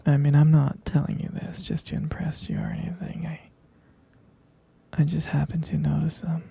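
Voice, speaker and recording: In an intimate bedtime ASMR roleplay, a performer fully voices a tender, doting partner, whispering breathily and gravelly at a mid-range pitch with little movement. The delivery is slow, hushed, halting, and affectionate, adoring and flirtatious in mood. The recording is dry.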